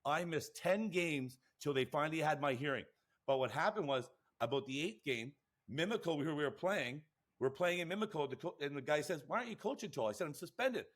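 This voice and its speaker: A man, a lacrosse podcast co-host and coach, telling rambling, excitable stories full of acted-out quotes and swearing. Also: fairly high pitch, a little fast. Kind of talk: animated storytelling.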